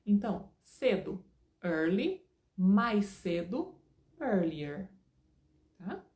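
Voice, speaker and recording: A woman's voice: medium pitch, sing-song, extremely slow, a little mellow, roomy sound. A woman teaching an English lesson in a casual, chatty way, often checking in with her students.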